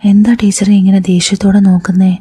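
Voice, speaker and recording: A woman's voice: medium pitch, flat delivery, fast talker, mellow, breathy edge. A woman voicing an anxious young male student in a whispered role-play, stammering and pleading. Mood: pleading, nervous.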